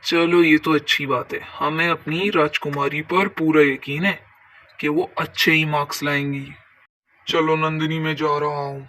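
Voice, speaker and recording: A man voicing a gentle, dutiful officer father in a doll-play story, speaking calmly and affectionately. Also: fairly high pitch, measured pace, distant mic. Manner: calm, affectionate, formal.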